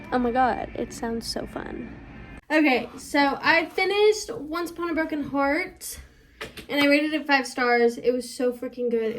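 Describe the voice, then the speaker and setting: A woman's voice: on the high side, a little hiss or hum, low-quality recording. A young woman in her twenties giving chatty, gushing reading updates in a casual vlog. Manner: gushing, chatty, lots of fillers. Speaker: book vlogger.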